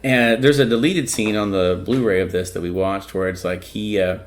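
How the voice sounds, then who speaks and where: Low-voiced man recapping a film casually. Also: normal speed, a little hiss or hum. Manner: rambling, relaxed plot recaps. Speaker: podcast host. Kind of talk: casual film-discussion chat.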